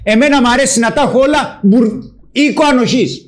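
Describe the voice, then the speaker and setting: A man hosting a talk show, speaking emphatically and loudly, with frequent swearing. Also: very high-pitched. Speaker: podcast host. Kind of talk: animated opinion talk.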